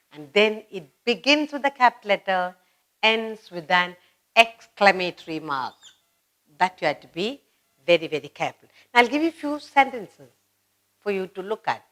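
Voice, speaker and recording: A woman's voice: mid-range voice, fairly bright tone. A woman teacher with an Indian English accent giving a patient grammar lesson for children, repeating and drawing out each example sentence.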